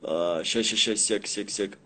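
Young man, slightly low voice, street-tough slang, heavy swearing, halting casual livestream chat. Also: bright, forceful tone, a little hiss or hum. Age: young adult. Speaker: live streamer. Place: small indoor room at home. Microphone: phone at arm's length.

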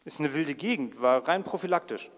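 An actor playing a gruff but soft-hearted male centaur in an audio drama, blunt and teasing. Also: on the high side, lively intonation, a little fast, big-room sound.

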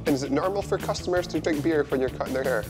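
A man's voice: a little high, racing. A young adult man hosting a travel show, chatting casually and laughing often in a barbershop. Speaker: host. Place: indoor barbershop. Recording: music bed under speech. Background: background music.

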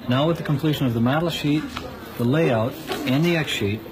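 A man's voice: fairly high pitch, fairly quick. A man delivering scripted narration as a documentary narrator. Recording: noticeable background noise.

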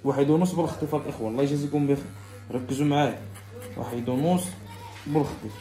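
A man's voice: fairly high pitch, rapid-fire, warm tone, echoey room. A man with a Moroccan accent, a barber who explains a haircut step by step and repeats each step to his viewers. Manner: instructive, repeats steps, talks straight to viewers. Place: barbershop salon.

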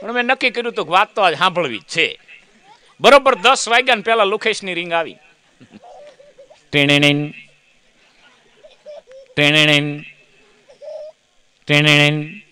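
A man's voice: sits high, expressive, fast talker, pushed and bright. A man doing a comic monologue, telling a chatty story, acting out other people's lines and teasing the audience. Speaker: comedian.

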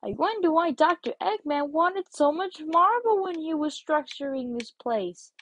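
A woman's voice: high-pitched, expressive, measured pace, fairly bright tone, slight background noise, exaggerated voice, poor audio. A woman voicing Sonic as a goofy, cheerful male hedgehog hero in a playful fan dub, gushing with silly amazement.

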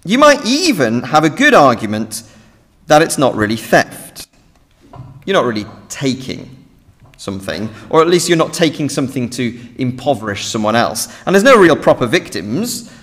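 A man's voice: medium pitch, very animated, moderate pace, a bit bright. A young British man preaching an earnest, emphatic sermon from a lectern in a large church hall. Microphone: standing at a lectern, lectern mic. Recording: reverberant hall.

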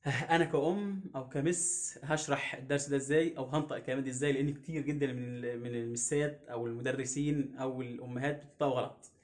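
A man with an Egyptian Arabic accent teaching English pronunciation online, drilling each word slowly and repeating it many times. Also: medium pitch, fairly even intonation. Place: home teaching setup on camera.

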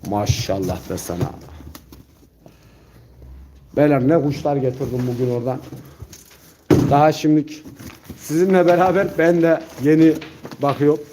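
A man's voice: on the high side, moderate pace, long pauses. A man talks like an auctioneer hosting a live pigeon sale, urging viewers to look. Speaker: pigeon auction host, seller. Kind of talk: live-stream sales patter to viewers. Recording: echoey room with faint noise.

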